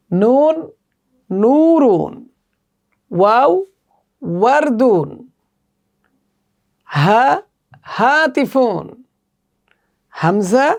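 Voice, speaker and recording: A woman walks children through a workbook lesson. She is patient and repetitive, and she stretches the letter names out slowly. Her voice sits at an ordinary middle pitch. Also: darkish tone. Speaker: Arabic teacher for children.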